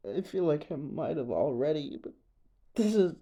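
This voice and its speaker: Frightened and disbelieving, a man playing a distraught, grieving young man haltingly recounts an unbelievable story in an audio roleplay confession, stammering and trailing off. His mellow voice is fairly high-pitched and swings widely in pitch.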